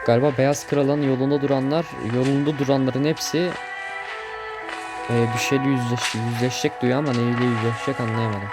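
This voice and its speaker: A man's voice: medium pitch, flat delivery, brisk. Chatty young man commenting on a game. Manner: chatty, easily startled, swears and jokes at the game. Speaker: gameplay streamer. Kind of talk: casual gameplay commentary. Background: game music.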